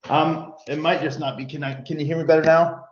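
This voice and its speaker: A man's voice: fairly high pitch, fairly even intonation, a little fast. A polite, slightly hesitant man giving an update in a meeting, sounding like he is in an echo chamber and too far from the mic. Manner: polite and hesitant, says "yes sir". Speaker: meeting attendee reporting field issues. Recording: echoey muffled remote mic far off.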